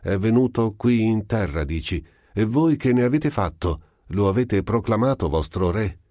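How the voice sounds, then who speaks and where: A man voicing a calm, pure Martian visitor who asks questions with the patience of a teacher, in an audiobook story. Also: on the low side, normal speed, no echo, clean studio sound, pitched above the performer's own voice, lightly acted. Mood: probing.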